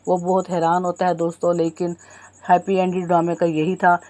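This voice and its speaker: A woman with a low voice talks her viewers through a TV drama's plot in a casual recap. Her delivery stays flat and level, and she calls her audience friends as she goes. She often stops to correct herself. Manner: retells plot at length, addresses viewers as friends, frequent self-corrections. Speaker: TV drama reviewer.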